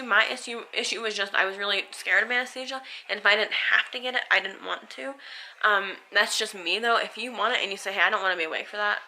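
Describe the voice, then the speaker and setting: A woman's voice: medium pitch, pushed and bright, low-quality recording. An American woman vlogger chats casually and candidly to camera, rambling a little, with a sore, swollen mouth after dental surgery. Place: at home.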